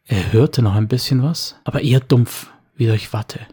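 A man telling a story and voicing the characters' dialogue himself, with a lively manner. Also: moderate pace, husky. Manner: lively, voices characters with raised pitch and volume. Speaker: narrator.

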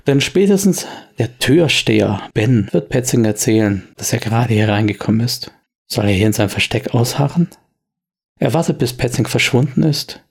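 A man's voice: mid-range voice, creaky, husky. A man narrating a tabletop role-playing game as game master, telling the scene in tense, descriptive storytelling.

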